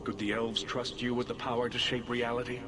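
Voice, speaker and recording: A man's voice: medium pitch, level tone, brisk, lightly acted. A man playing a stern senior mage in a video game, challenging and accusing with pointed questions. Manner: accusing, rhetorical. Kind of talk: video game character acting. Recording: long reverb, background noise.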